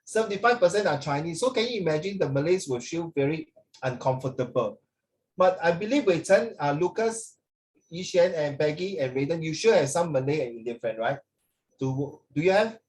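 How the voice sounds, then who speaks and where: A Singaporean English teacher with a Singaporean accent explains things to children over a video call in an online lesson, frequently checking in with "right" and "okay." His voice is a little high, a little mellow, animated and slightly fast, and the audio quality is poor.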